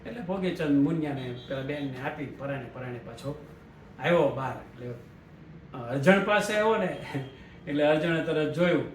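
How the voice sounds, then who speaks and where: A male storyteller narrates a comic tale in a lively, chuckling way. His voice sits slightly high, and the recording is roomy and distant with faint ambience. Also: normal speed, a little hiss or hum.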